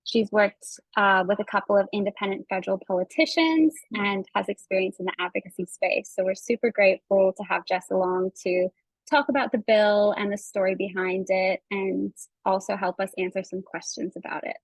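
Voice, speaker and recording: Speaking briskly in a mid-range voice, this Canadian-accented woman runs an online workshop by video call as its host and facilitator. She keeps things friendly and casual with participants, and though the recording is low quality, it carries no room sound.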